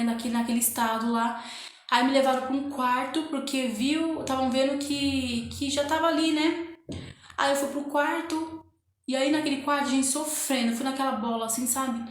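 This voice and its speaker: A woman telling her birth story casually and emotionally to viewers, repeating phrases and often calling out to them. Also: high-pitched. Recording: very echoey room.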